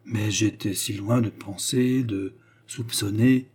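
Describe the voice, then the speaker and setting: A man reading the part of a scheming count who murmurs and feigns emotion, in a husky, dark voice. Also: mid-range voice, normal speed, close to an everyday voice. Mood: murmuring. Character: scheming count, male, smooth seducer.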